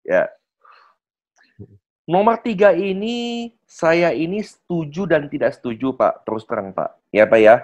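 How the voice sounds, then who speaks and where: In muffled online call audio, a male guest speaker gives a casual presentation on network marketing, acting out sales dialogues and politely addressing the listener throughout. His voice is on the high side and darkish, with lively intonation, a slightly slow pace, and frequent pauses.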